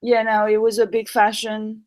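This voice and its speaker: A woman guest who grew up in Morocco, talking in a casual chat with many pauses and restarts. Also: fairly high pitch, completely flat delivery, low-quality recording. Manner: hesitant, many ums and restarts.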